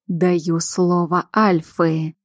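A woman voicing a calm, controlling male alpha werewolf in an audiobook, speaking low and measured. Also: no room sound, clean studio sound. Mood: menacing.

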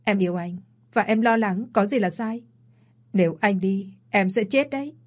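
A woman's voice: mid-range voice, normal speed, close to an everyday voice. A woman voicing a desperate young bride in an audio story, pleading and tearful.

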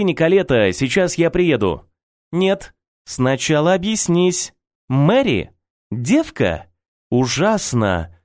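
A shrill, melodramatic society mother wails high and lively, pitch swooping all over, as a male audiobook reader puts her on. She sounds self-pitying and theatrical. The recording is dry and close. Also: dry recording. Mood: indignant.

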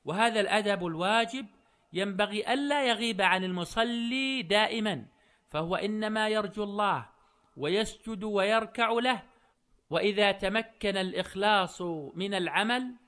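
Male preacher for scripted religious programme; formal Standard Arabic, high bright voice, measured delivery. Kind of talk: scripted religious radio talk.

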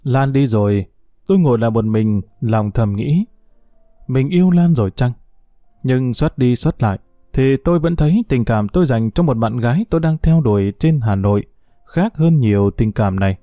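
A man narrating a first-person story in a calm, measured way. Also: mid-range voice, no echo, clean studio sound, soft background music.

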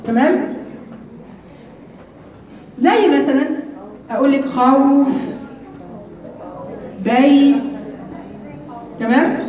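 Egyptian woman teacher, high and quick, quizzing the class, mic far off in a booming room. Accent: Egyptian Arabic. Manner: lively, asks the class questions and answers them; draws out key terms slowly. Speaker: Quran recitation teacher. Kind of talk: live classroom lesson. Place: classroom with women students. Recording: echoey room, voice from across the room, muffled. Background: chattering students.

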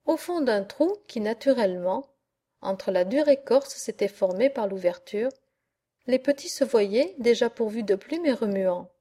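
A woman narrating a literary audiobook in a measured, expressive reading. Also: fairly high pitch. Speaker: audiobook reader.

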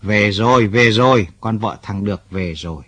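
A man's voice: lowish voice, lively intonation, normal speed, husky, no echo. A man voicing an older rural man who is blunt but kind-hearted. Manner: scolding yet fatherly, talks bluntly.

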